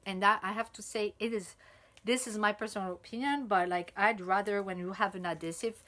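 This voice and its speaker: A woman's voice: medium pitch, fairly quick. Chatty French woman reviewing chocolate. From France. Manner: chatty, thinks aloud with many fillers; bursts into excited exclamations. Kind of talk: casual video review.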